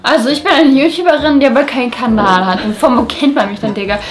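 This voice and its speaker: A young woman with a high voice chats to her vlog camera in a playful, animated way. She is indoors at home, with music prominent behind her. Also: quick pace. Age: young adult. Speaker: vlogger. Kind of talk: casual chat to camera. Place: home kitchen and bedroom indoors. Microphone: handheld camera a short distance away.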